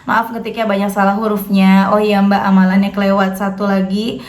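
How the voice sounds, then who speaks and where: A woman's voice: mid-range voice, level tone, brisk, echoey room. A woman host, reading out a viewer's letter and then reflecting on faith, speaking chattily and often addressing her listeners as friends.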